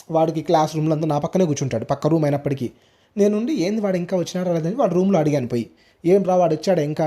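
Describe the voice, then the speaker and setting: A man narrating a first-person ghost story in an animated way, acting out what others said. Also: high voice. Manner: animated, acts out quoted speech.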